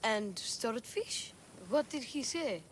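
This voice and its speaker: In a game cutscene, a woman voices an excitable young boy hunting for his father who keeps cutting in. Her voice is a little high and slow, with a bit of hiss or hum on the recording.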